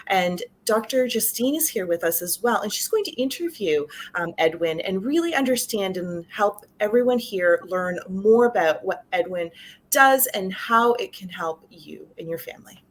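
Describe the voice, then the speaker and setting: A woman introducing a new staff member, speaking with frequent pauses and fillers. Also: medium pitch, animated.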